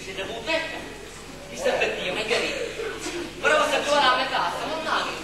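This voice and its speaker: A woman's voice: high voice, expressive, brisk. A woman with a Sicilian accent acting a character in an amateur comic stage parody. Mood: comic banter. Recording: echoey hall, distant mic, noisy audience.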